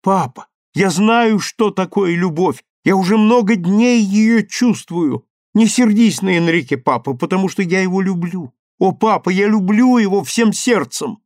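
A man's voice: sits high, expressive, measured pace, few pauses, no room sound, clean studio sound, pitched above the performer's own voice. Man voicing a pleading lovestruck young woman. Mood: fervent.

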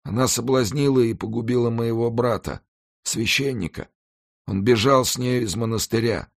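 Man voicing a dying executioner, shrill with terror. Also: normal speed, lightly acted. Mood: pleading. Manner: pleading, anguished, breathless. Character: dying, terrified male executioner begging absolution.

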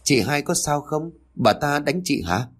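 A man's voice: on the high side, animated, measured pace, soft background music, pitched above the performer's own voice. Man doing a sweet little sister, eager, comforting. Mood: caring.

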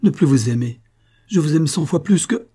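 A man voicing a distraught young country servant girl whose high, strained voice breaks into wails. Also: moderate pace, warm tone, lightly acted. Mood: desperate.

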